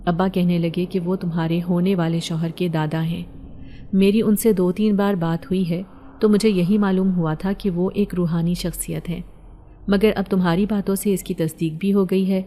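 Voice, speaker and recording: A woman's voice: lowish voice, steady tone, warm tone, slight background noise, natural voice. A woman reading as a worried father. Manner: earnest, concerned and reasoning. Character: worried protective middle-aged father. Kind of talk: storybook narration.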